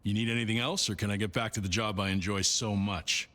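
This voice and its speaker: A man's voice: lowish voice, fairly even intonation, quick pace, pushed and bright, in a large hall. An actor playing a jaded security doorman in a video game, dry and sarcastic.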